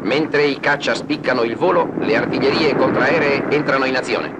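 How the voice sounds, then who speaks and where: A man's voice: mid-range voice, moderate pace. Noisy 1940s newsreel, declamatory male narrator. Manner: formal, rhetorical, declamatory.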